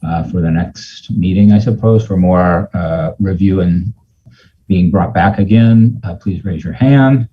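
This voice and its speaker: Male meeting chair, low and husky, halting and unsure, on muffled online meeting audio. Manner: hesitant, halting, apologetic. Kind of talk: informal procedural meeting talk. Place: remote video meeting.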